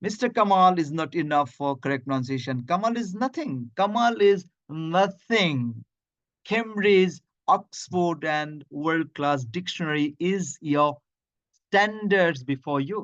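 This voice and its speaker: A man's voice: high-pitched, fairly bright tone, no echo, lo-fi sound. A middle-aged man with a Bangladeshi accent, teaching pronunciation in an online lesson and drilling words sound by sound. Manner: repeats words slowly in drills, spells out sounds. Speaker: phonetics lecturer. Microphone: video call.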